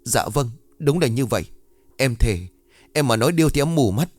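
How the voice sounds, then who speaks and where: A man's voice: medium pitch, lively intonation, normal speed, dry recording, natural voice. A man voicing a frightened young village man who sobs and stammers as he begs not to be arrested. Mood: pleading. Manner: pleading, sobbing, stammering.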